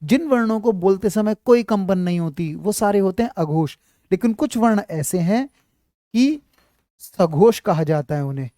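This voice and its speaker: A man's voice: high-pitched, expressive, measured pace, dark tone, no room sound, studio quality. A man teaching Hindi letters and sounds to students in a live class, repeating himself often and checking again and again that they understand, calling them child. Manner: addresses students fondly as child. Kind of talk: live online class, explaining at a board.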